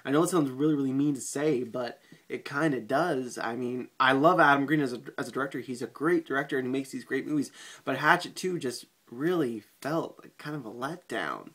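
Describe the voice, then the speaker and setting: A man's voice: medium pitch, brisk, a bit bright. A man giving a casual video movie review, rambling with frequent swearing, fillers and restarts.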